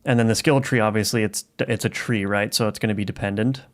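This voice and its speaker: A male game developer streams live while coding, reading chat and musing out loud in a casual way full of fillers and false starts. He speaks quickly in a fairly low voice with fairly even intonation, over soft lofi music.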